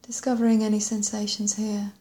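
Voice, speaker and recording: A woman with a mid-range, monotone voice takes listeners through a body scan meditation, gentle and slow, pausing long and trailing softly at the end of phrases.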